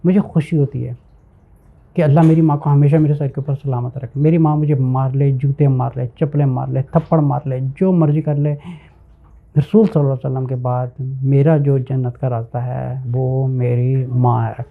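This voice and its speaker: A man's voice: mid-range voice, fairly even intonation, gravelly. A man preaching a sermon, earnest and emphatic, slipping English words into his talk. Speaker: Islamic preacher. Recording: narrow phone-like sound.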